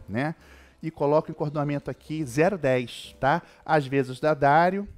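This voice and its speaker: A man with a Brazilian Portuguese accent giving a casual guitar lesson, checking in with his viewers after nearly every point. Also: fairly high pitch. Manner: chatty, explains with frequent "tá?" and "né?" checks. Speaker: guitar teacher.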